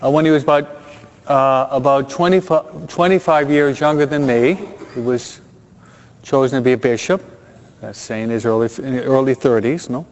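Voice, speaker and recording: Speaking at normal speed in a steady, medium-pitched tone, a man delivers a sermon like a conversation, repeatedly checking in with the people listening. He mixes Spanish words into his English, and the audio is dull and carries a long reverb from the hall.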